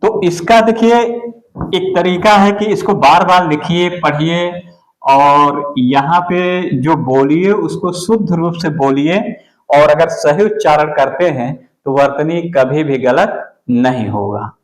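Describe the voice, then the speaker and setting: A man teaching an exam-prep spelling lesson, going slowly and repeating each word. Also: a little high, roomy sound, low-quality recording. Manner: slow, deliberate, repeats words for the student.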